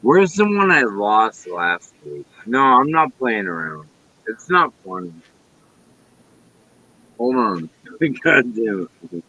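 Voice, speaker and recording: Man, casual live-stream chat, profane, agitated, very animated pitch. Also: takes it slowly, pauses often, breathy edge, poor audio. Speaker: guest running a friend's live stream.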